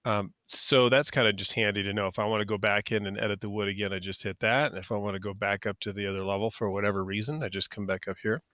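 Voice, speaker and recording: Bright, casual male software tutor. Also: on the low side, fairly even intonation, fast, few pauses, no room sound, clean studio sound. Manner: casual, talks through each click, self-correcting. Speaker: software instructor. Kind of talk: screen-recorded tutorial.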